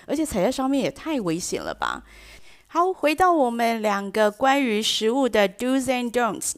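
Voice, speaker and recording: A woman hosting a bilingual English lesson who explains patiently and drops English phrases into her talk. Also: mid-range voice. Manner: acts out example sentences with shifting stress. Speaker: language teacher host.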